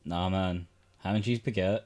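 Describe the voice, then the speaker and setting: A man with a fairly low voice trades jokey, teasing banter on a podcast. He swears casually and keeps the tone loose. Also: fairly even intonation, moderate pace, darkish tone. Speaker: podcast co-host. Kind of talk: casual chat.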